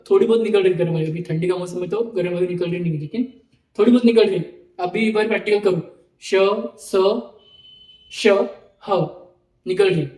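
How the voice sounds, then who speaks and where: A man's voice: sits high, warm tone, echoey room, rough recording. A man teaching a Sanskrit lecture, explaining step by step, reciting letters one by one and checking in often with "okay". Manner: repetitive explaining, frequent "ठीक है" and "okay" check-ins. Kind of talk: online video lecture.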